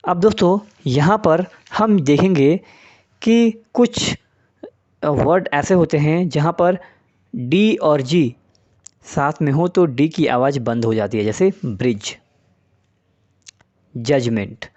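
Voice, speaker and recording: A man's voice: a little high, slow pace, pauses often, darkish tone, lo-fi sound. A man teaching English pronunciation in Hindi, patiently spelling out letters and saying example words one by one. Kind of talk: spoken English lesson in Hindi.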